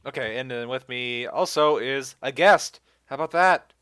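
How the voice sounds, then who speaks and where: A man's voice: medium pitch, normal speed, a bit bright, clean tone, dry recording, studio quality. A man hosting a casual podcast chat, laughing often and swearing casually. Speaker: podcast host.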